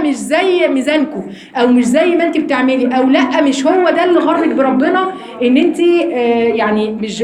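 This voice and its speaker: A woman with an Egyptian accent teaching a Quran lesson to women, explaining quickly and slowing down to recite verses. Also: high-pitched. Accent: Egyptian Arabic. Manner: fast, animated explaining, slows for recitation. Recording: echoey room.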